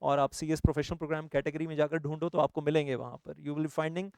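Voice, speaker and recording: An Indian man speaking to his students in an earnest, persuading tone as he promotes his courses, mixing Hindi and English as he goes. His voice is a little high, smooth and clear. It is recorded close and dry, with almost no room sound. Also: steady tone, fast, darkish tone, dry recording. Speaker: CS coaching teacher.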